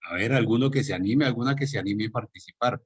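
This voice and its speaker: A man's voice: mid-range voice, fast talker, husky. A man with a Colombian Spanish accent, teaching an online class over a video call, explaining and quizzing his students.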